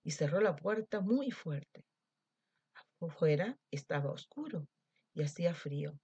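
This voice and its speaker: A woman teacher reads a children's storybook aloud with gentle, expressive pacing. Her voice is mellow and somewhat husky. The recording sounds dull and lo-fi. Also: low-pitched, measured pace.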